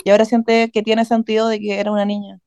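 A woman's voice: mid-range voice, level tone, fast talker, warm tone, smooth, dry recording. A young woman with a Chilean accent, telling a story in casual chat with slang and restarts.

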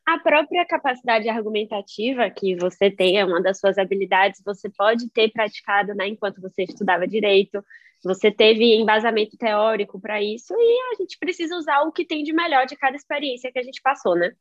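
A woman's voice: on the high side, a little fast, no room sound. Chatty woman podcast host, dull sound. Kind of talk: casual interview chat.

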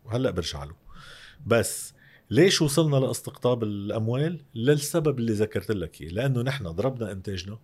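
A man with a Lebanese Arabic accent speaks quickly in an explanatory interview style. He is emphatic about economics and often sets up his points with rhetorical questions. His voice sits at an average male pitch. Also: expressive, darkish tone, husky. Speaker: interview guest, economic commentator.

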